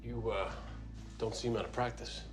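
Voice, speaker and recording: A man's voice: medium pitch, fairly even intonation, moderate pace, natural voice. A man playing a glib, teasing novelist in a crime drama, with wry, playful banter over music. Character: glib, teasing male novelist tagging along with police. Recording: music behind TV dialogue.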